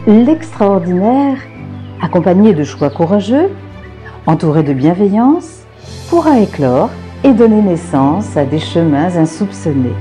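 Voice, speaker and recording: A woman narrating an inspirational voice-over with a solemn, measured delivery. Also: on the low side, big pitch swings, warm tone. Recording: voice-over with clear music behind.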